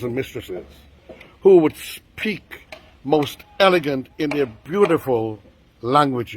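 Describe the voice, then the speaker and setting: Hosting an online show, a Guyanese man in his sixties speaks to viewers with grandiloquent, ornate wording and plenty of repetition for emphasis. His voice is medium in pitch, with slight background noise.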